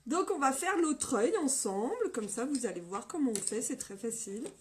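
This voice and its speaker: High-voiced slightly hoarse woman hosting a live. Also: expressive, normal speed, a little hiss or hum. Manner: upbeat, greets viewers by name. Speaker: live makeup tutorial host. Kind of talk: casual live-stream chat and makeup demo. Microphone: phone.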